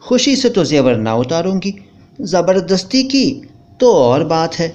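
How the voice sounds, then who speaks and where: A man's voice: a little high, sing-song, measured pace, pitched above the performer's own voice. Man voicing a defiant stubborn young wife. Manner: bold, sharp, unyielding. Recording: dull lo-fi recording.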